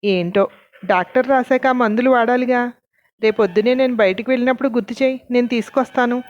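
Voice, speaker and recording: A woman reading a calm, secretive husband. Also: a little high, a little fast, no echo, muffled recording, close to an everyday voice. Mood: chiding.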